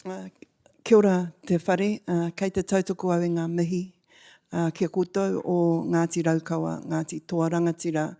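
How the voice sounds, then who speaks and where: Brief: New woman, low mellow voice, formal measured greeting. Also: level tone, creaky. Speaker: panelist.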